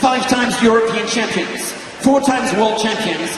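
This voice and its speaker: A man making formal announcements over a public-address loudspeaker at an ice rink, with a steady, formal delivery. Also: slow, recorded from a distance, noisy background. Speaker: arena announcer. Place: large ice arena. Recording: booming loudspeaker in a vast echoing arena, heard from afar.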